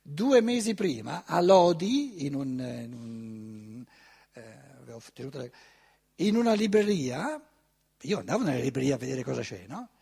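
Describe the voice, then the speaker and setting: Older man, raspy, animated lecturer. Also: mid-range voice, moderate pace. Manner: animated, conversational with rhetorical questions. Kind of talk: conference talk. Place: lecture hall.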